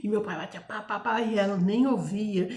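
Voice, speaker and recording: A woman's voice: medium pitch, moderate pace, a little mellow, echoey room. A woman with a Brazilian Portuguese accent telling a personal testimony in a chatty, hesitant way, often checking in with her listeners. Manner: chatty, keeps addressing listeners with tag questions; hesitant, restarts and searches for words. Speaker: storyteller sharing a personal testimony. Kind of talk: casual spoken testimony.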